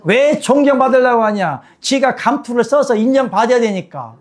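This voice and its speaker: A male pastor preaching a sermon in a blunt, scolding way with rough slang and jokes, leading his congregation in call-and-response. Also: extremely high pitch, animated, moderate pace. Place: church service with a congregation.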